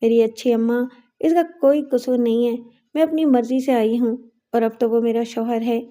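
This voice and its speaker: A woman's voice: a little high, fairly even intonation, warm tone, lightly acted. A woman voicing a remorseful young runaway daughter, tearful and defensive on a phone call. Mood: firm.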